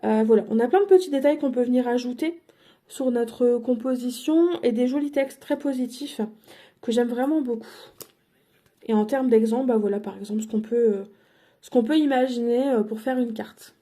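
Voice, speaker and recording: High, mellow-voiced woman vlogger. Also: normal speed. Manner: chatty, hesitant, many fillers and self-corrections. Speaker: crafting vlogger. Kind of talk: casual product haul.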